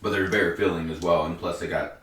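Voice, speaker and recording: A man's voice: low-pitched, steady tone, quick pace, a loud crowd. A man telling a rambling story in a laid-back way while he eats. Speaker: mukbang co-host. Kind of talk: casual chat while eating. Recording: echoey room, mic far off.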